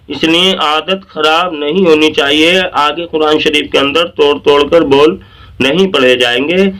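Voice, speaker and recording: Male Quran teacher, Pakistani Urdu accent, bright and crisp. Explains fast, recites slowly and drawn out. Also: a little high. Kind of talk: recitation lesson.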